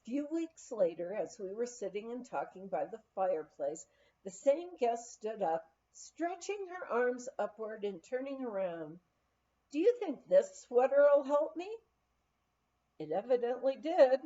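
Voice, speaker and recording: A woman reads a memoir as an audiobook narrator, telling the story expressively. Her voice is on the high side at normal speed, and the recording sounds slightly dull.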